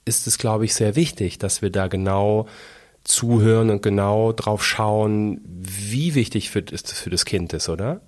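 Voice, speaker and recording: A man co-hosting a casual podcast chat, talking personally and relaxed, with hesitant fillers. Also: on the low side, a little slow.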